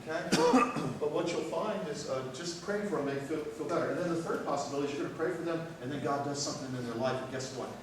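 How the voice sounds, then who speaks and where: A man's voice: fairly high pitch, fast talker, very noisy. An older man preaching a sermon as a pastor, telling stories in a folksy way with light humor. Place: church sanctuary. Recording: very echoey hall recorded from far off.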